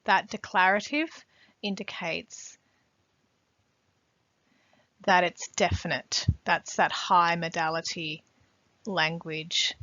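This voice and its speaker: A woman teacher giving a poetry lesson, pausing often with fillers and reading quoted lines with more force. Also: lowish voice, steady tone, pushed and bright, no room sound. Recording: dull, slightly muffled recording.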